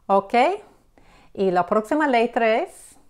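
A woman teaching English pronunciation, explaining slowly and checking in with the listener as she gives examples. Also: a little high, animated. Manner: patient, repeats examples, checks with "ok?". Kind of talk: slow explanatory lesson.

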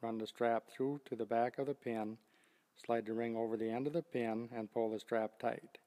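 An older man giving a steady, scripted step-by-step demonstration of loading bikes onto a rack. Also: medium pitch, moderate pace, in a large hall. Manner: steady, methodical step-by-step explaining. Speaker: product demonstrator. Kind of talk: scripted instructional narration.

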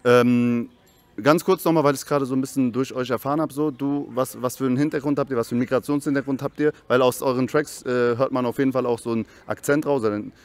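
A man's voice: mid-range voice, steady tone, fast. A man hosting a casual interview, slangy and chummy, firing off questions. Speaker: interviewer host.

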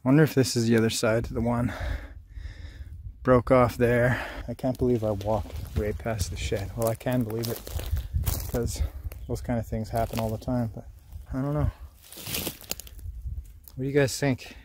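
A man from Canada in his thirties with a medium-pitched voice. He talks like an enthusiastic outdoor vlogger, casual, slangy and folksy. He is recorded outdoors on a handheld device, with clear background noise. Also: level tone, moderate pace, long pauses. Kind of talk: casual vlog commentary while shed antler hunting. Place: outdoors on wooded, rocky hillsides.

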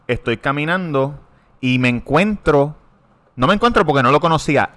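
A man, co-hosting a casual podcast and telling crude, animated stories. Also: fairly high pitch. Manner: animated, profane storytelling. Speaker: podcast co-host. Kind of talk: casual chat.

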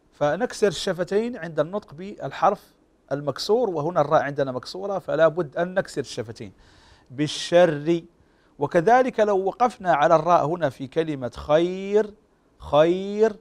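A man teaching Quran recitation rules on a TV program, slowly demonstrating how each word is pronounced. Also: fairly high pitch. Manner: slow, drawn-out demonstration of pronunciation; explains calmly with frequent fillers. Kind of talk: tajweed lesson on a TV show.

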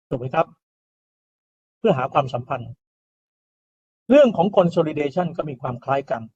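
A male lecturer walks through engineering graphs in a relaxed, step-by-step way. He often checks his listeners are following. His voice sits somewhat high, and the recording sounds dull and lo-fi, as if it came from a basic computer mic. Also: husky. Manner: explains step by step, often asks "right?" and adds polite particles.

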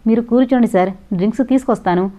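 A woman's voice: a little high, very fast, mellow, close to an everyday voice. Woman voicing earnest young male student. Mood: cheerful. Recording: dull lo-fi recording.

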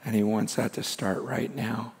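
A man preaching a passionate sermon, dropping to a hush and rising loud again. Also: fairly low pitch, level tone, moderate pace, husky. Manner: passionate, swings between hushed and loud. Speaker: pastor. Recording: long hall reverb.

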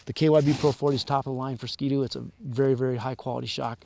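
A man's voice: mid-range voice, fairly even intonation, very fast, vocal fry, darkish tone. A man from the maker showing off a snowmobile outdoors in the snow, explaining its features plainly. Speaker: manufacturer product rep. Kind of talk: product walkaround explanation. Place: outdoors in snow at a sled event.

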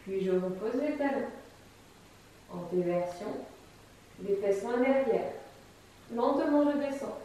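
This chair exercise class is led by a thirtysomething instructor whose high voice delivers calm, step-by-step cues as she demonstrates, slowly and with long pauses. Recorded from afar on a camera mic in a bright, bare, wooden-floored room, the sound is echoey with slight background noise.

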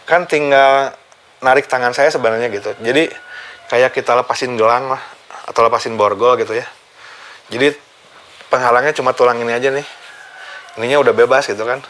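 A man, casually recounting a personal story for his vlog, animated and chuckling now and then. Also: medium pitch, a little hiss or hum. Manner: animated, chuckles while telling, acts out the quoted voices. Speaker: vlogger recounting his accident.

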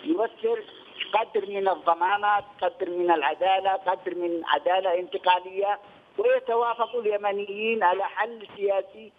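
A man's voice: sits high, fairly even intonation. Older man over a tinny phone line. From Yemen. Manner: measured, repeats phrases, hesitant fillers. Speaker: studio guest, former press union head. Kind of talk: remote news interview.

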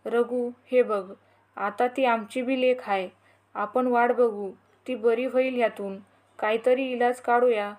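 A calm, reassuring old village headman, as a woman storyteller puts him on. He speaks slowly and soothingly, his voice pitched a little high in this storybook reading. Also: natural voice.

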